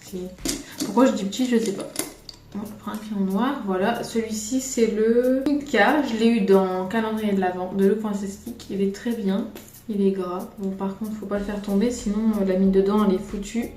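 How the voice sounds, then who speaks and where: She speaks at a normal speed in a steady, dark, medium-pitched voice. The speaker is a French makeup vlogger, chatty and self-mocking, wandering off on asides during a casual tutorial shot on a tripod. The room is spacious and faint music can be heard.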